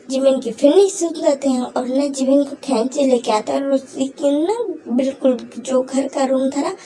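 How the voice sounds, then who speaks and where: This woman has a high voice with a dark tone, heard in a rough recording. She's informally retelling a fan fiction story, full of fillers, and briefly voices the quoted lines as she goes.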